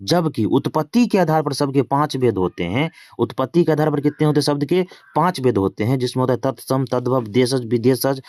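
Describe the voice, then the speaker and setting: A man's voice: medium pitch, darkish tone, no room sound, studio quality. A man teaching a grammar exam lesson. He reads each question twice and then answers it himself, dropping in casual English filler words.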